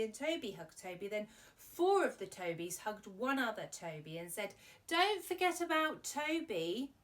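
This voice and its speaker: Pitched high with a fairly bright tone, a woman presents an arts show for children, chatting playfully with young viewers and reading out silly poems.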